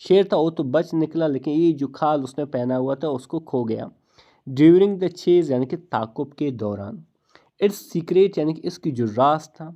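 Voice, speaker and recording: A man's voice: medium pitch, dark tone. Man translating a story line by line. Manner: explains each English phrase, repeats himself, asks and answers his own questions. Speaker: English teacher.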